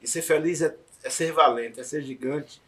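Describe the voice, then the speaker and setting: A man as an interview guest, telling an emotional personal story in a heartfelt way, sometimes hushed, sometimes loud and encouraging. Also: a little high, normal speed, slight background noise.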